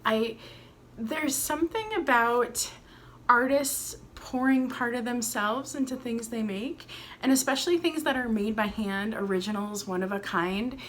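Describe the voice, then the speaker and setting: Young woman vlogging at home, slow gushy talk, bit higher voice, faint room noise. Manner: gushing, excitable, breathy exclamations. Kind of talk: casual home vlog, unboxing. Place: at home, indoors.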